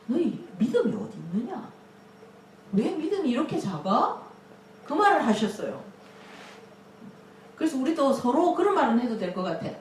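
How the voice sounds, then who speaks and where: A woman pastor preaching a lively sermon, laughing often and acting out quotes. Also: high voice, brisk, pauses often, a little hiss or hum. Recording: echoey room, mic at a distance.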